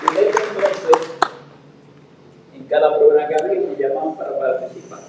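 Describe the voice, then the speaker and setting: A man's voice: on the high side, normal speed, reverberant, a crowd in the background, noisy background. A man in his eighties with a Puerto Rican Spanish accent, telling stories in a theatrical, declaiming manner, a retired theater teacher. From Puerto Rico. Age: 80s. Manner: theatrical, declaiming with expressive intonation. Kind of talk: anecdotal storytelling performance with recited poetry.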